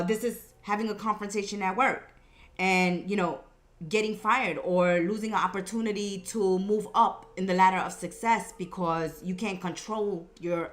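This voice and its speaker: A woman's voice: mid-range voice, normal speed. A woman giving a conversational, improvised mystical horoscope reading, emphatic and repeating phrases for effect. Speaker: tarot and horoscope reader, host.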